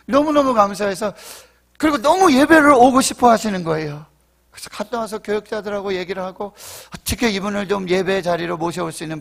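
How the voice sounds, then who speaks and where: A middle-aged man preaching a sermon in a church, dropping to quiet asides and then rising to loud, emphatic points. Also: sits high. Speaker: pastor. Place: church sanctuary.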